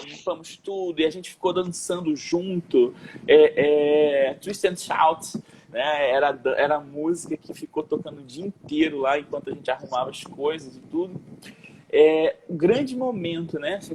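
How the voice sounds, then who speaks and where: A man's voice: a little high, moderate pace, darkish tone, slight background noise, low-quality recording. A man on a video call casually telling a personal faith testimony, acting out the quoted dialogue with slang fillers. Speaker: guest sharing a faith testimony.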